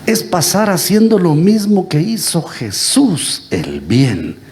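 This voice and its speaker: A man's voice: high-pitched, wildly swooping pitch, slow pace, darkish tone, slight background noise. A Guatemalan priest giving a homily, teasing his congregation and quizzing them with the same question again and again. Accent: Guatemalan Spanish. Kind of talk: lively interactive homily. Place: church.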